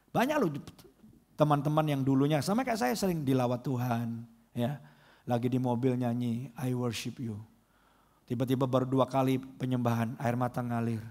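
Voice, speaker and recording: A middle-aged male pastor, preaching a lively sermon that swings between comic mimicry and soft, prayerful moments. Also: mid-range voice.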